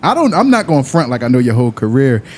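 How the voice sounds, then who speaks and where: A man hosting a casual podcast, joking around, slangy and quick to laugh. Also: mid-range voice, sing-song, a little hiss or hum. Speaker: podcast host.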